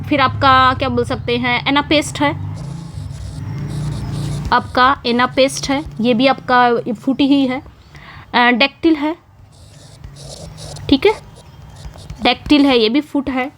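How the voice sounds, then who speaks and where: High-voiced woman teaching English prosody. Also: fairly even intonation, takes it slowly, long pauses, a bit bright, a little hiss or hum. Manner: repetitive teacherly explaining with frequent "theek hai" and "okay" checks. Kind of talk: exam-prep lecture explaining poetic meter.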